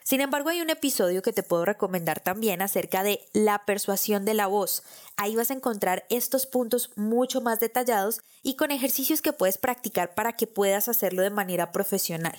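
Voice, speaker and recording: A woman hosting a podcast, teaching public speaking in a clear, measured, explanatory way. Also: medium pitch, expressive. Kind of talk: scripted podcast lesson.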